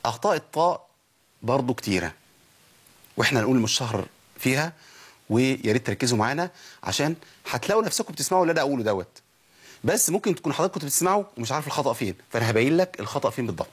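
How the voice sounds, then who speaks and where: Fast-talking husky Egyptian man teaching. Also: mid-range voice, big pitch swings. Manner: explains and drills letter sounds, asks the audience questions. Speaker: Quran recitation teacher. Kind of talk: spoken lesson with pronunciation drills.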